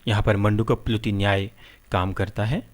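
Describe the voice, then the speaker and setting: A man teaching a lesson, spelling out letters one by one in a measured way. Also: fairly low pitch, steady tone. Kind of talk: slow explanatory lesson.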